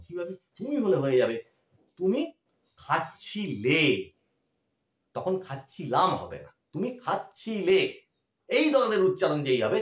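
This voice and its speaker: A man's voice: high-pitched, echoey room. A man teaching an English grammar lesson who explains step by step, asks questions and answers them himself, and keeps checking in with students. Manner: checks in often with short confirming questions.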